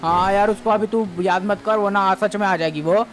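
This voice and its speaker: An anxious young man, played by a man rambling with worry in a game role-play. His voice sits fairly high for a man, over a faint hiss of noise. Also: steady tone, moderate pace, fairly bright tone. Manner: worried, rambling.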